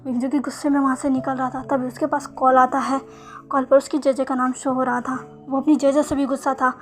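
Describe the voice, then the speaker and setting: A woman's voice: high voice, little pitch movement, fairly quick, soft background music. A woman narrating a romance fan story in a casual way, with small restarts.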